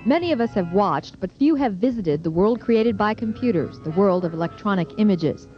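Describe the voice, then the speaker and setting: A woman reporter delivers a scripted news voice-over in a measured, clear way. Her pitch sits in the middle. The sound is dull and muffled, like an early-90s broadcast tape. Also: animated, faint music behind.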